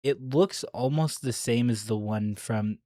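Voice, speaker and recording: A man giving a casual, chatty reaction commentary as an online video creator, excitable and full of ums. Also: medium pitch, unhurried, no echo, studio quality.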